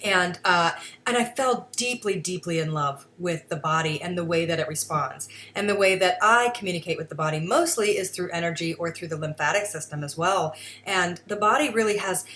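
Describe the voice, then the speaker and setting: A woman with a somewhat low voice hosts her own show in a loose, unscripted monologue. She talks earnestly and rambles, with plenty of fillers and restarts. A faint hiss sits under the recording. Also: brisk, bright, forceful tone. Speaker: podcast host. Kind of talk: casual solo commentary.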